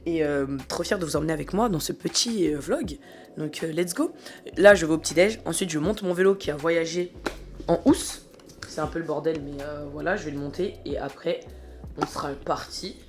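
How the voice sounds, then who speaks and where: Female cycling vlogger, French accent, lower register, casual upbeat chat to a phone camera, faint music underneath. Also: moderate pace, darkish tone. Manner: chatty and upbeat, full of fillers.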